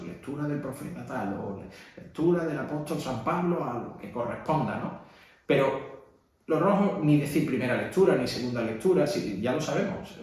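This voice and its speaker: A man with a Spanish accent, a priest teaching how to read at mass, in a conversational way with frequent tag questions. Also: medium pitch. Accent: Spanish (Spain). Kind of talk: instructional talk. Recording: echoey room.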